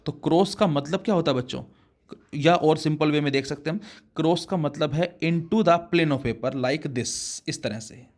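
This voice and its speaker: A man teaching a physics lesson, explaining slowly and addressing his students as children, with words his speech. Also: on the high side, darkish tone. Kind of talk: classroom lesson.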